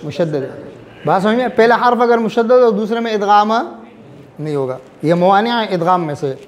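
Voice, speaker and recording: Male recitation teacher, high voice, quizzing style, spells things out slowly, faint background noise. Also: animated, highs cut off. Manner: drills students with repeated check questions. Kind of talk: classroom lesson.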